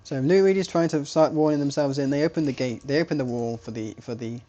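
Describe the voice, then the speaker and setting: A man with a medium-pitched, dark voice talks fast as an esports caster calling a strategy game live. His commentary is chatty and rambling, and he keeps restarting sentences to correct himself.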